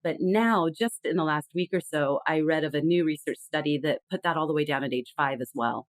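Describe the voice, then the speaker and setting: A woman's voice: deep voice, a little fast, no echo, poor audio. A woman guest on a podcast interview, talking emphatically and expressively about communication. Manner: emphatic, expressive, lively storytelling. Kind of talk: conversational interview.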